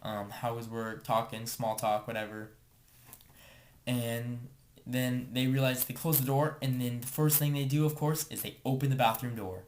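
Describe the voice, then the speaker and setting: A man's voice: medium pitch, steady tone, moderate pace. A young man casually telling a story to the camera, rambling and filling his talk with "like.". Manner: rambling, filler-heavy with constant "like".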